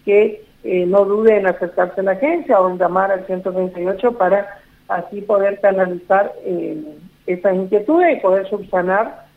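Gravelly Argentine man on a phone line. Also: sits high, moderate pace. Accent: Argentine Spanish. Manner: reassuring, repetitive, many fillers. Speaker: executive director of a health insurer, guest. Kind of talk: radio phone interview.

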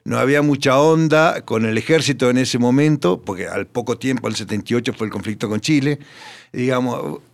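A man with a gravelly, creaky voice tells history in a relaxed radio chat. He pauses often and fills gaps with "eh" and "este" as he searches for words. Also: medium pitch. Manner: hesitant, many fillers and restarts. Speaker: guest. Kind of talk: casual radio interview.

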